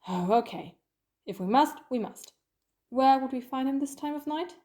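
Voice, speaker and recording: A woman's voice: high voice, lively intonation, moderate pace, dark tone. A woman playing the Doctor, a playful, clever alien traveller, in a fan audio drama, talking in a wry, coaxing, conversational way.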